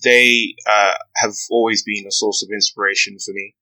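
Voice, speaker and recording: A young man, giving an earnest, measured account as a podcast interview guest. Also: lowish voice, flat delivery, bright, forceful tone, poor audio. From West London, UK. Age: 20s. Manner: earnest, measured storytelling with frequent "you know". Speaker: guest, aspiring barrister.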